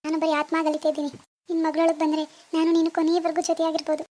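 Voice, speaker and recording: A woman's voice: very high voice, monotone, racing, warm tone. A woman voicing a tender, protective ghost elder sister who reassures earnestly and repeats her words.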